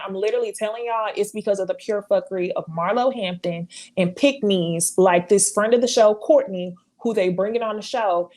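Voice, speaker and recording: A woman's voice: fairly high pitch, darkish tone. A young adult woman hosting a casual reality TV recap, ranting bluntly with lots of profanity and fillers. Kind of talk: casual live-stream commentary.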